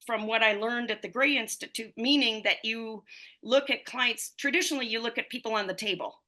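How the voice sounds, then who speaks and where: As a guest in a conversational podcast interview, a running coach and physical therapist in her fifties from the United States shares her story loosely and ramblingly, with plenty of fillers. Her sharp-toned voice is a little high and fairly quick.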